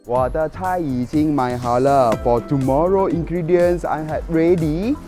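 A middle-aged man hosting a casual cooking show, chatty and excitable, switching between English and Mandarin, recorded on a lapel mic at a market and in his home kitchen. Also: a little high, unhurried, over music.

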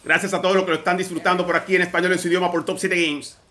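A man calls a fighting game match live as an esports caster, his voice high and bright as he rattles off moves with urgency. He keeps the energy up and speaks straight to his viewers. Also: flat delivery, very fast.

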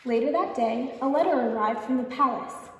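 A woman's voice: high-pitched, a little fast, slight background noise. Woman reading a children's story. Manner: gentle, asks the children questions. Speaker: storytime reader. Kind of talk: reading a children's picture book aloud. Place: library event room. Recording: echoey hall, distant mic.

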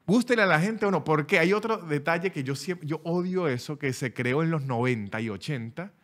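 Joking Venezuelan man, high voice. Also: fairly quick. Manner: animated, joking, many restarts. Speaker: podcast host. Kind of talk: casual chat.

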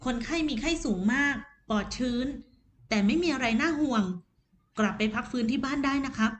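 A woman voicing a calm male doctor explaining a diagnosis in a spoken audio novel. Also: high-pitched, moderate pace, natural voice.

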